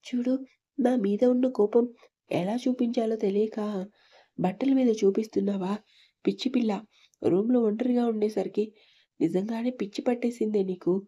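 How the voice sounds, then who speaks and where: A woman's voice: fairly high pitch, moderate pace, pauses often, mellow, husky. A woman voicing a stern, domineering young husband in a read-aloud love story, bossy and mocking.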